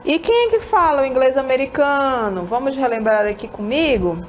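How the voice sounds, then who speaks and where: An animated, high-sitting woman's voice moves at a moderate pace against slight background noise. Recorded teaching English in class, she speaks with a northern Brazilian Amazonas accent and keeps tossing tag questions to students.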